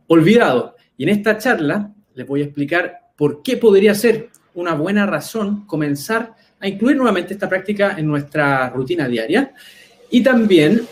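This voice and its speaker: A Chilean man, a health coach, gives an online talk in a conversational way and often checks in with his audience. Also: a little high. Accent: Chilean Spanish. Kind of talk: webinar presentation. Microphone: computer mic on a live video talk.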